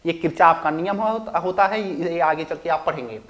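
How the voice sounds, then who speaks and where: High-voiced male physics teacher lecturing. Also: moderate pace, a bit bright. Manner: asks rhetorical questions and answers them, repeats key phrases. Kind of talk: recorded classroom lecture.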